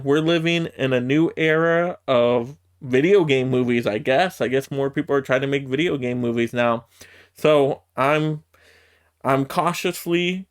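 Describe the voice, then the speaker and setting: A YouTube host with a fairly high, clean-toned voice offers movie news commentary. He runs a casual solo news roundup, conversational and emphatic, often checking himself with asides.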